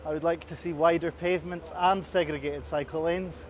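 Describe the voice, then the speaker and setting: A man from Inverness with a Highland Scottish accent, explaining things conversationally and a little hesitantly as a local councillor being interviewed on a street. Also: steady tone, fairly quick. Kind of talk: conversational guided commentary while out cycling. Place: outdoors on a busy city street. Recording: outdoor street recording with traffic noise. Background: traffic and street noise.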